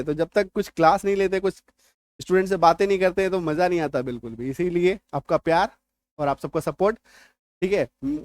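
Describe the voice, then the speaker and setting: A man's voice: high-pitched, no echo. A man who is an English teacher, giving a spoken lesson on pronunciation. He spells words out letter by letter and keeps checking in with his students with little tag questions. He is still recovering from an illness. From India. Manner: explanatory, repeats "है ना" and "ठीक है" to check understanding; spells out letters slowly and stresses correct pronunciation.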